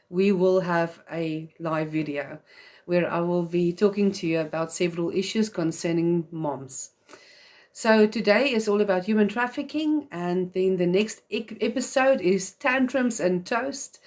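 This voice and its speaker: Hosting a live stream for mothers, an Afrikaans-speaking woman talks in South African-accented English in an earnest, chatty way, often using fillers. Her voice is mid-range and a little mellow.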